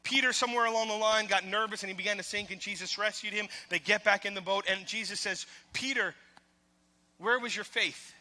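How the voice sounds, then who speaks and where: A man's voice: high voice, steady tone, fast talker, few pauses, pushed and bright. A male pastor preaching a sermon, emphatic and repetitive, putting rhetorical questions to his congregation. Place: church sanctuary. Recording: long reverb of a large church hall.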